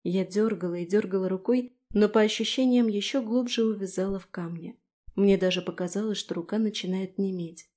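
A woman narrating a first-person fantasy audiobook in a calm, measured way. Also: medium pitch.

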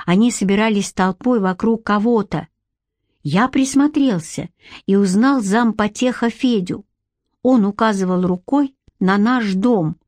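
A woman reading a story aloud as audiobook narration, at a slow, measured pace. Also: medium pitch, a little mellow, no room sound. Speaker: audiobook reader.

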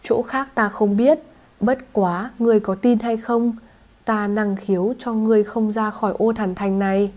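Woman reading as a calm, fearless young man. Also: mid-range voice, normal speed, lightly acted. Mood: calm defiance. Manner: calm and composed.

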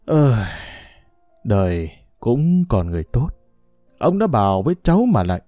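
A man voicing an old fisherman grandfather, gruff and rambling as he tells war stories to his grandson, with lively intonation over faint background music. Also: mid-range voice, moderate pace, no room sound, clean studio sound, close to an everyday voice. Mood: musing. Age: older. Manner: gruff, rambling storyteller who sips liquor.

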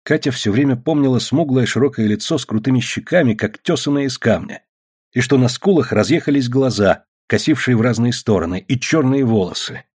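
Brief: male narrator, husky voice, steady audiobook reading. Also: mid-range voice, fairly quick. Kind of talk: reading a novel aloud.

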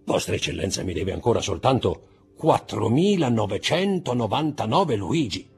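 A man voicing a sly brigand jailer who is mock-deferential and calmly serious, with a husky voice. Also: on the low side, normal speed, soft background music, pitched above the performer's own voice, heavily acted.

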